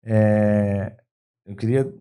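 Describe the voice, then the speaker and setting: A man's voice: fairly low pitch, steady tone, drawn-out words, dark tone, clear, resonant tone. A man hosting a podcast, reflecting on purpose and giving advice to entrepreneurs. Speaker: podcast host. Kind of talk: podcast conversation.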